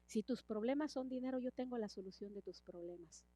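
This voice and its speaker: A woman's voice: a little high, fairly quick, warm tone. A middle-aged woman preaching a sermon and telling a personal testimony, emphatic, repeating words and restarting her phrases.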